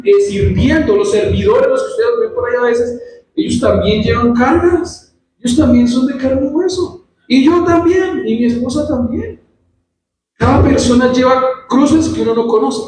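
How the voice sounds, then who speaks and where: Pastor, man, very high voice, animated sermon; distant mic in a very echoey church hall. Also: a little slow. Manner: animated preaching, acts out quoted voices. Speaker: pastor teaching a church service.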